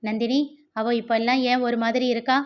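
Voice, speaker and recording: A woman's voice: on the high side, level tone, brisk, dull audio, natural voice. A woman voicing a stern, protective young man, an older brother who talks firmly and questions everyone. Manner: firm, questioning, commanding.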